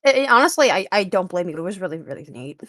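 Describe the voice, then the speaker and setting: A woman's voice: on the low side, big pitch swings, fast, a bit bright, no room sound, clean studio sound. A woman co-hosting a podcast, chatting eagerly about films with lots of fillers. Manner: chatty, enthusiastic, many fillers. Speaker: podcast co-host. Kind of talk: casual film discussion.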